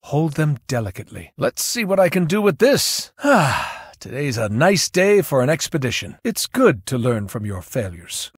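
For a set of video game voice lines, a young man plays a thoughtful, cerebral young mage who is earnest and self-doubting, with an introspective, wry delivery that comes across as curious and delighted. His voice sits on the high side with a breathy edge. The performance is heavily acted and recorded at studio quality with no room sound.

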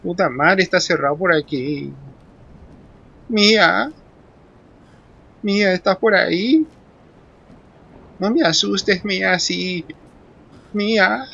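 Brief: male horror gamer, high-pitched, cursing, screams when spooked. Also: slow, gravelly, pauses often, pushed and bright, husky, muffled recording. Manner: swears a lot, shrieks in panic when scared. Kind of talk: horror let's play commentary.

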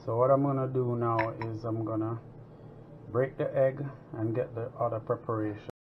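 This home cooking host speaks at medium pitch and a moderate pace, chatting in a relaxed manner as he works in his kitchen. The recording is dull and lo-fi, with background kitchen noise.

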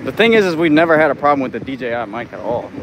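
A man working behind the camera on a live stream, chatting casually outdoors in halting, repeated phrases. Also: medium pitch, very animated. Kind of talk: casual chat. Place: outdoors on a city street. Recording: loud outdoor street noise.

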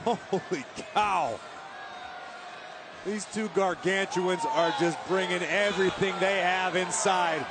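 A man's voice: sits high, slow. A man doing live colour commentary on wrestling, speaking in a dramatic, emphatic way full of hyperbole. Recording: loud crowd and arena noise.

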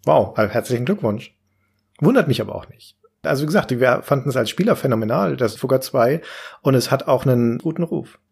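A man's voice: mid-range voice, animated, brisk, creaky, a little mellow, slightly rough. A man hosting a podcast interview, asking questions and sharing his own memories in a friendly way. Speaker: podcast host. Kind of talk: interview questions, casual chat.

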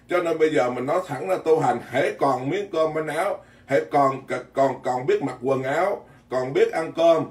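A man's voice: fairly high pitch, a little mellow. A Buddhist monk gives a blunt, folksy dharma talk, often repeating words as he goes. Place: temple hall in Virginia. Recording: echoey hall, mic at a distance.

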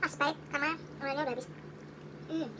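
A high-pitched woman chats to her viewers with her mouth full of food during an eating vlog, loose and relaxed. Clear background noise runs under her voice throughout. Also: fast. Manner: relaxed, chatty, addresses viewers as guys. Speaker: mukbang vlogger. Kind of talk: casual eating vlog chat. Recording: noisy home recording.

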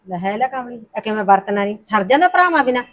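A woman's voice: a little high, big pitch swings, fast, slight background noise. An actress playing a middle-aged mother who soothes and pleads with her daughter, speaking. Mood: soothing. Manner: soothing, pleading, says "puttar" a lot. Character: soothing middle-aged mother smoothing over family quarrels. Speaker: the heroine's mother.

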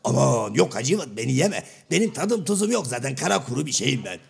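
A man voicing Karagöz, a blunt, half-deaf middle-aged male shadow-play figure who keeps mishearing and twisting his partner's words, with a gravelly, raspy voice. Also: mid-range voice, very animated, fast, full character voice. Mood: mock-innocent. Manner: mishears everything and answers with cheeky misunderstandings. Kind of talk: comic shadow-play sketch.

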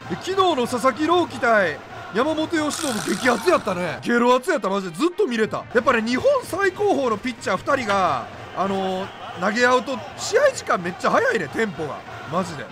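A young man with a Kansai accent commentates his own gameplay in an excitable, high, wildly swinging voice. He talks fast and bursts into rapid repeated exclamations, with game music playing clearly behind him. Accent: Kansai Japanese. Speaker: game YouTuber.

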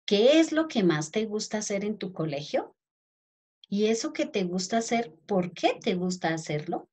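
A woman's voice: medium pitch, very animated, moderate pace, darkish tone, husky. A woman teacher with a Colombian accent dictating a lesson to young children word by word, spelling out letters, and calling the pupils affectionately. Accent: Colombian Spanish. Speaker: primary school teacher.

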